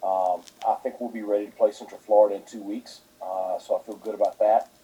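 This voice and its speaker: Husky, dark-voiced football coach. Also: male voice, fairly low pitch, flat delivery, low-quality recording. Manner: halting, heavy with fillers. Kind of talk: press conference answers.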